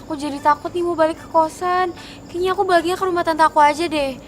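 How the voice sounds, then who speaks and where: A timid, high-voiced girl. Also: moderate pace, darkish tone, a little hiss or hum. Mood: scared. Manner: timid, frightened. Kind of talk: TV drama acting.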